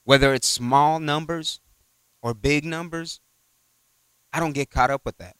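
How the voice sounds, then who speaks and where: A man delivers an informal sermon in a church, his voice bright and crisply resonant. He rambles comfortably and retells everyday exchanges, leaning often on "you know." The sound is close and dry. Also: a little high, unhurried, no echo. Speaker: preacher. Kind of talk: conversational sermon.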